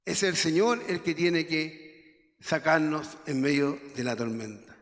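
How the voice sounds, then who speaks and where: A man teaching Sunday school with a somewhat high voice, reading scripture aloud and pausing to ask the class questions. His voice carries a long reverb from the church hall. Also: expressive, fairly bright tone. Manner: reads scripture aloud with stumbles, asks the class rhetorical questions. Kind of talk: Bible lesson in a church.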